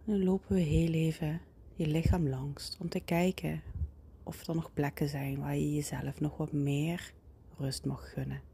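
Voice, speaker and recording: A woman leads a guided body-scan relaxation in a soft whisper close to the ear, giving slow, soothing instructions. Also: deep voice, fairly even intonation, vocal fry, slightly rough. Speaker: guided meditation leader.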